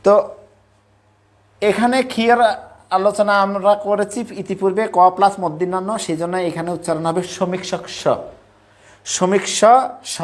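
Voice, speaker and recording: A high-pitched man leads a lesson on chanting verses. He recites slowly and carefully, splitting each word into its sounds before saying it whole. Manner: breaks words into syllables. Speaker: Sanskrit recitation teacher.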